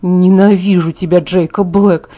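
A woman's voice: mid-range voice, normal speed, darkish tone, dull audio, natural voice. A woman reading an audiobook and voicing an angry, stubborn teenage girl who snaps and hisses her retorts. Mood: furious. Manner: hissing, snapping retorts.

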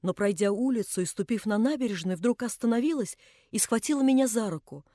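Mellow-voiced woman reading an audiobook. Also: fairly high pitch, dry recording, studio quality. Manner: measured, expressive. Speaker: audiobook narrator. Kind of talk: expressive literary audiobook reading.

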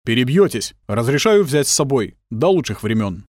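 Мужчина-чтец озвучивает строгого молодого лейтенанта, который коротко командует. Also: male voice, medium pitch, sing-song, normal speed, a little mellow, no room sound, clean studio sound, close to an everyday voice. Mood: stern. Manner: curt, commanding. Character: stern young lieutenant commander, curt.

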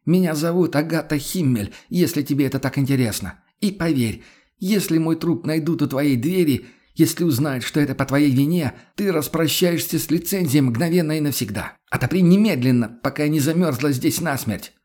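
A man voicing a furious stranded townswoman in an audiobook, yelling hoarse, insulting demands. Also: fairly high pitch, moderate pace, voice pushed up, close to an everyday voice. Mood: desperate. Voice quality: hoarse shrieking. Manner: yelling, insulting, banging on the door. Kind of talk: audiobook character voice.

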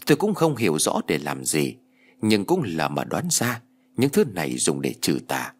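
A man narrating a first-person ghost story as an audiobook reader, in an expressive, dramatic way. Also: low-pitched, normal speed, husky, faint music behind.

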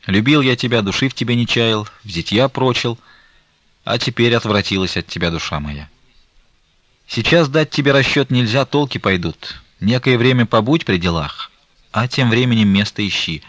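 A man reading the part of a stern, grieving old merchant, talking in a slow, weighty, reproachful way. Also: medium pitch, expressive, fairly bright tone, no echo, voice pushed up, natural voice.

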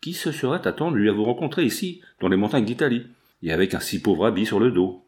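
A man voicing a brutal, sneering renegade bandit in an audiobook, gruff and gloating, his voice dropping lower. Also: animated, quick pace, a little mellow, natural voice. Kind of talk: audiobook character voice.

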